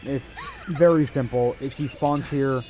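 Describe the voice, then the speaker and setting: A young man with a mid-range, warm voice gives a casual, sarcastic video game walkthrough, speaking at a measured pace in a steady tone and throwing in crude jokes. Game music and sounds play underneath him.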